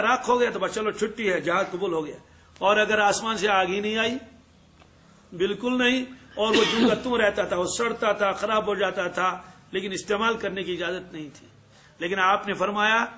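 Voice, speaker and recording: High-voiced man teaching a hadith lesson. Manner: animated storyteller, asks the audience questions and answers them; acts out quoted dialogue in changed voices. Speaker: Islamic scholar teaching hadith.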